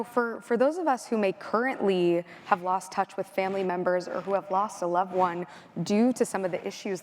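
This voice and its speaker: A woman's voice: mid-range voice, darkish tone. Woman, moderator, effusive, encouraging, faint background noise. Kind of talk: onstage interview. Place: conference stage.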